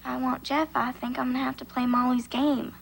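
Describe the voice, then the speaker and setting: High-voiced sarcastic teen girl, noisy old tv audio. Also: little pitch movement, brisk, creaky. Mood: frustrated. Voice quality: sarcastic, wry. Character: earnest teenage girl, quick sarcastic wit. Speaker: teenage girl working at a fast-food restaurant. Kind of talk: 1990s sitcom acting. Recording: noisy TV sitcom recording, live audience.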